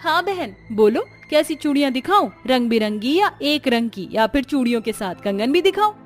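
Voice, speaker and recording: A woman doing a poor young bangle seller, high and bright voice, earnest, kind, cartoon story. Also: animated, normal speed, faint music behind. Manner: bright, earnest, street-vendor calls.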